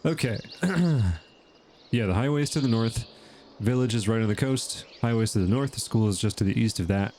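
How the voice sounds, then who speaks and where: Stuffed up from allergies, a man hosting a casual gameplay video speaks at normal speed in a medium-pitched, dark-toned voice, chatting and thinking aloud with plenty of fillers. A little hiss or hum sits under the audio.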